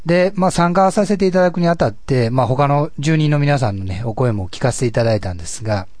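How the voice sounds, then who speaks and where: A man with a husky, gravelly voice, chatting casually and politely as a solo podcast host. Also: medium pitch, lively intonation, fast talker, darkish tone, no echo, clean studio sound. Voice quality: husky, gravelly voice, often taken for having a cold. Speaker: podcast host and amateur musician.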